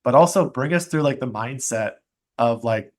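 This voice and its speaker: A man's voice: mid-range voice, normal speed. Casual upbeat man hosting a podcast. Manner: casual, upbeat, many "like" and "um" fillers. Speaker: podcast host. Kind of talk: podcast interview.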